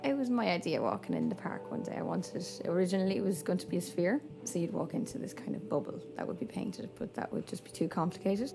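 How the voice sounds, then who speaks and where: Gravelly low-voiced west of Ireland woman. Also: very animated, fast, few pauses. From Mayo, west of Ireland. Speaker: artist. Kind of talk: casual interview account. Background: music.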